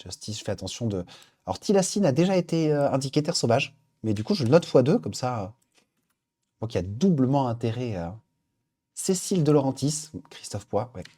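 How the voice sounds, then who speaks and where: Mellow-voiced man hosting a live stream. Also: medium pitch, very animated, brisk, husky. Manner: upbeat, chatty, thinking aloud. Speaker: livestream host. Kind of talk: casual live chat, reading viewer suggestions.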